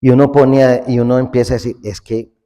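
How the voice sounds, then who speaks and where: A man's voice: medium pitch, level tone, fast, dark tone. A man with a Colombian accent preaching a humorous sermon as a priest, folksy and joking, acting out small everyday dialogues. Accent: Colombian Spanish. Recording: long hall reverb.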